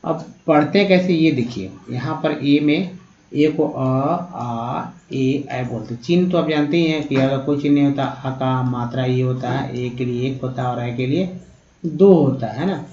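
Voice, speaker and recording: A man's voice: medium pitch, normal speed, warm tone. Man patiently teaching in a roomy room. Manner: patient step-by-step explaining, addresses listeners as friends. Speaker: English teacher. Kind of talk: explaining English pronunciation to beginners. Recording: roomy, dull lo-fi sound.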